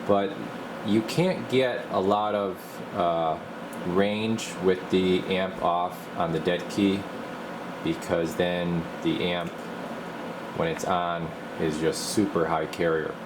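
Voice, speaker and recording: Taking it slowly in a low-pitched, steady tone, a man speaks over a noisy background. The radio repair technician and video host shows viewers a hands-on job in an informal, meandering how-to demonstration.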